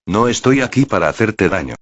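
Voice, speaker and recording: A man reading as a calm, soothing young woman. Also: fairly low pitch, brisk. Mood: gentle. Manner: gentle, soothing. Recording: dull, dry lo-fi recording.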